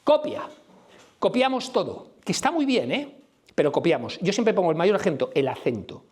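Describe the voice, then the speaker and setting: A middle-aged Spanish man with a Madrid accent speaks at a conference before a live audience, his voice high and sing-song at a moderate pace. He's blunt and colloquial, peppering the room with questions.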